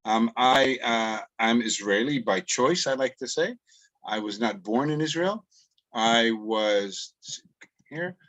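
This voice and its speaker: A man's voice: mid-range voice, lively intonation, slow, fairly bright tone, rough recording. Middle-aged guy from canada giving a webinar history talk, chatty, asks the audience questions, video call sound. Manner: chatty, self-deprecating, asks rhetorical questions. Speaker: tour guide and educator. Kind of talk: lecture over webinar.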